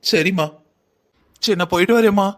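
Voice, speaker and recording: A man voicing a young married daughter in a cartoon story, gentle and placating toward her mother. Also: sits high, moderate pace.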